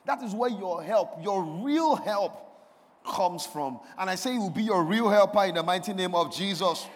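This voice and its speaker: High-voiced male preacher in a reverberant hall. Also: lively intonation, normal speed. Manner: call-and-response preaching, swells to emphatic declarations. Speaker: pastor. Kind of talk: sermon. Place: church sanctuary. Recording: long reverb of a large hall.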